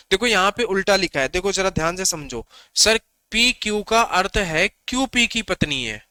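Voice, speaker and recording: A man's voice: sits high, bright, forceful tone, clear, resonant tone, dry recording. A young adult man teaching an exam-prep reasoning lesson. He asks questions and answers them himself, repeats key points and keeps coaxing the class along. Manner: repetitive, asks and answers his own questions.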